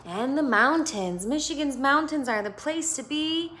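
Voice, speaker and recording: With an expressive, teaching manner, an American woman reads a picture book to young children and pauses to ask them questions. Her voice sits high.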